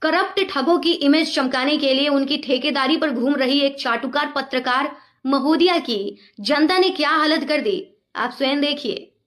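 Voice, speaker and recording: Slow-talking woman doing a snarky voice-over, high voice. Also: a bit bright. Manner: sarcastic. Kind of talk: political commentary voice-over.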